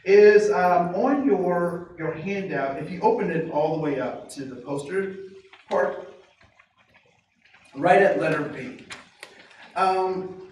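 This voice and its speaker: In a room set with tables, a diversity trainer from the United States runs a live workshop, firing rhetorical questions at the audience and slowing to emphasize key phrases. His slightly mellow voice sits high. The recording is very echoey, captured from afar by a room mic with faint noise.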